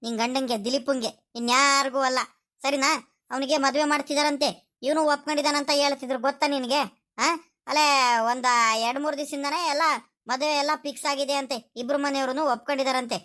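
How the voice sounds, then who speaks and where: A woman's voice: high voice, flat delivery, a bit bright. A woman voicing a fretful, scolding village father in a comedy cartoon. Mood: telling. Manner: scolding, rapid.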